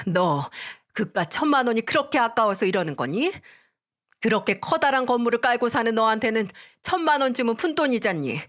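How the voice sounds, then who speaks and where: A woman's voice: a little high, voice pushed up, natural voice. A woman voicing a greedy, scolding older mother-in-law in a dramatized story reading. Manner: scolding, indignant.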